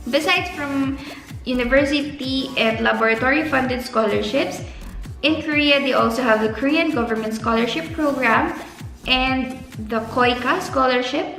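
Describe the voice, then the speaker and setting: In an echoey room with faint music behind her, a young woman from the Philippines, a graduate student, shares earnest, casual vlog advice in a Filipino accent. Her voice is high, gravelly, and a bit bright, and she draws out words for emphasis.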